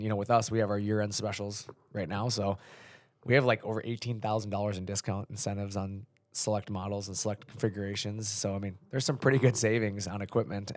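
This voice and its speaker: A man in his thirties hosts a casual business podcast, rambling along in a relaxed way with plenty of fillers. His voice sits low and he talks quickly. The sound is dry and close. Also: no echo. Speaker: podcast host, company leader.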